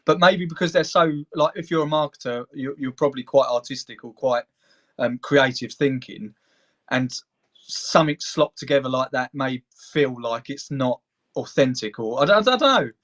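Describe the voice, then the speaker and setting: Hesitant male host, medium pitch. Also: moderate pace, fairly bright tone. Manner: hesitant, self-deprecating. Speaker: host of a live audio chat. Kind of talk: casual chat. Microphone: phone.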